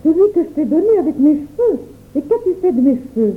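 A woman voicing a stern, quick-tempered mother in a storybook reading, scolding sharply. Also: high-pitched, big pitch swings. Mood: demanding. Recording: tinny phone-like audio.

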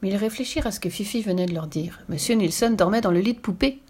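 A woman reading a children's story aloud with lively, expressive storytelling. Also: mid-range voice, fast, breathy edge.

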